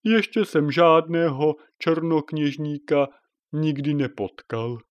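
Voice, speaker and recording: A man's voice: a little high, no room sound, dull audio, voice pushed up, close to an everyday voice. A man doing a dreamy, eager talking cloud. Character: good-natured dreamy male cloud.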